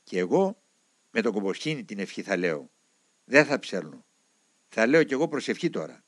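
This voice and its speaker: A man's voice: fairly low pitch, big pitch swings, pitched below the performer's own voice. A man voicing an older monk who speaks plainly and wearily of his burden. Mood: weary. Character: troubled older male monk, pleading.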